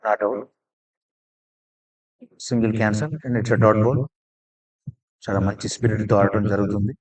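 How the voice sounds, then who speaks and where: A male cricket commentator with a Telugu Indian accent and a fairly low, husky voice. He calls the match live, switching between two languages, in an excited and exclamatory manner. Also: slow pace, rough recording.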